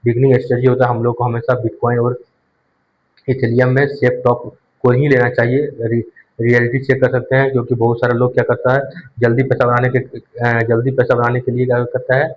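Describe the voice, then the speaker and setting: Flat-toned man teaching finance. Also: medium pitch, fairly quick, highs cut off, slight background noise. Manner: repeats "ठीक है" as a check, with many restarts. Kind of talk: explanatory lesson.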